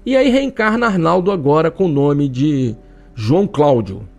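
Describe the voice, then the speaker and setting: A man's voice: a little high, animated, moderate pace, vocal fry, soft background music. A man with a Brazilian accent hosting a talk show, chatty and joking as he speaks to listeners. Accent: Brazilian Portuguese. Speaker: radio and web show host. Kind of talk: casual talk show monologue.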